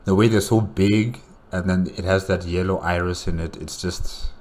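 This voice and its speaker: A man with a very low voice reacts casually and off the cuff. He feels his way through each thought haltingly, repeating words and leaning hard on the ones that matter. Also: fairly even intonation, a little mellow. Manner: halting, repetitive, emphatic. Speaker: reaction video host.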